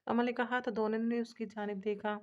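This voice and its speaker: Woman, romance novel read aloud, high voice, dull lo-fi sound. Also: little pitch movement, fairly quick, darkish tone. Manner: reads all characters' dialogue in a lightly shifted voice. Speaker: narrator.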